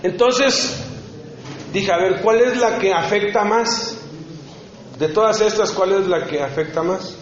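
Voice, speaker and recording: A man's voice: sits high, a little slow. A man preaching a sermon, earnest and personal, acting out short dialogues as he tells his story. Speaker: preacher at a prison ministry congress. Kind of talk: sermon teaching. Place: conference hall. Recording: echoey hall, dull sound.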